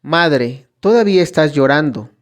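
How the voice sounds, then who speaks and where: Man reading a scared young visionary girl, slow and pleading, storybook narration. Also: on the high side, expressive.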